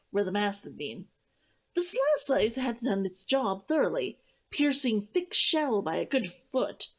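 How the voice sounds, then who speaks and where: A woman reading a novel aloud as a streamer, narrating in an expressive, dramatic storytelling manner. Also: mid-range voice. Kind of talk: audiobook-style story narration.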